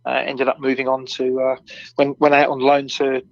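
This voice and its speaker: A man's voice: mid-range voice, completely flat delivery, normal speed, creaky, dry recording. A middle-aged man reminisces in a casual interview with little rise and fall in his voice. He is hesitant, repeating words as he goes. The sound is dry and slightly dull, like a lo-fi internet call. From born in Swansea, brought up around Reading, England. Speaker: former professional footballer, interview guest. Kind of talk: recalling career in casual interview. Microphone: audio-only online call.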